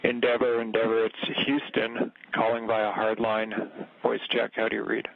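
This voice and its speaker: A man working as a mission control communicator, giving measured procedural calls in clipped radio phrasing over a radio link. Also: fairly low pitch, flat delivery, creaky, dry recording. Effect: radio transmission. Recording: narrow tinny radio link, roomless dry sound.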